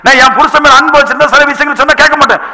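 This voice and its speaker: A male pastor preaching a sermon in a church, telling lively stories and acting out the voices of the people in them. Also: extremely high pitch, very fast, low-quality recording.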